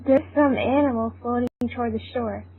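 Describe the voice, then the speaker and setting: A fairly quick, high-ish female voice reads scripted fan fiction narration as an amateur narrator. The recording is tinny, band-limited and noisy, typical of amateur setups.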